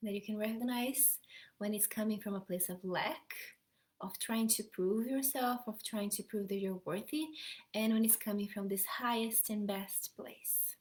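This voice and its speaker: A young adult woman, an energy healer, softly leading a guided meditation in a slow, half-whispered voice. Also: medium pitch.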